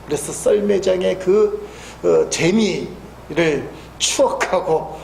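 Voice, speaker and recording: A man in his fifties preaching a sermon as a pastor, telling stories and swinging from soft asides to loud emphatic peaks. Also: sits high, slow pace, gravelly, slight background noise. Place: church sanctuary. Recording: echoey church hall.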